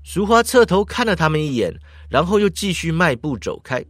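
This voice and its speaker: Male storyteller: lively dramatic narration, higher than average. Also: no echo. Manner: lively, with drawn-out particles and sound effects.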